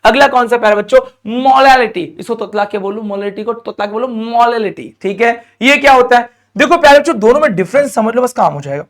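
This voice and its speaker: A male teacher giving a lively classroom lecture, coaxing students with frequent questions and stretching out key terms slowly. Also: very high voice.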